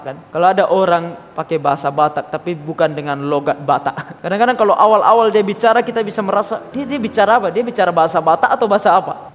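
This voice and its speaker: A man preaching as a pastor, teaching from the Bible in an animated way and acting out voices of the crowd. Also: high-pitched. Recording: long hall reverb.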